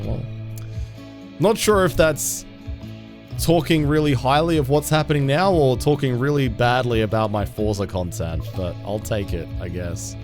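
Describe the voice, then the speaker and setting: A chatty man streaming a game live, talking to chat with a self-deprecating manner. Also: medium pitch.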